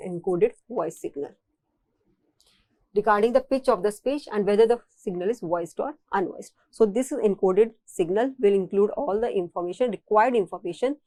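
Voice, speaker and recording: A woman with an Indian accent delivers a technical engineering lecture, working through it step by step and frequently repeating and rephrasing what she says. Her mid-range voice is warm, and the recording is dry.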